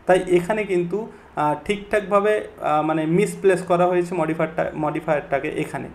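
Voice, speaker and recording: A young male English grammar teacher with a Bengali accent, explaining an online exam-prep lesson and reading English example sentences slowly and deliberately. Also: high voice, creaky.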